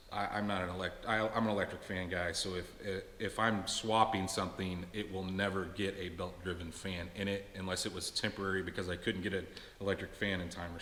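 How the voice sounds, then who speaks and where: A man with a fairly low voice speaks casually to his viewers in a roomy, reverberant garage. He hosts in a loose, conversational style, often stopping and restarting his sentences as he answers questions. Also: bright, forceful tone. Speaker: host of a truck-building video channel. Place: cold garage shop, indoors.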